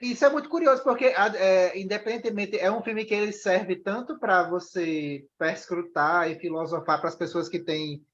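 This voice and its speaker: A man's voice: sits high, normal speed, hardly any pauses, a bit bright, a little hiss or hum. Man, film club moderator, hesitant with restarts, dull lo-fi recording. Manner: hesitant, restarts, many "né?" tags. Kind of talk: post-screening discussion.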